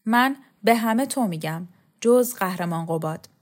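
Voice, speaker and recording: A woman's voice: mid-range voice, expressive, natural voice. A woman voicing a restless, bitter young man who lectures sardonically in an audio storybook. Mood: sardonic.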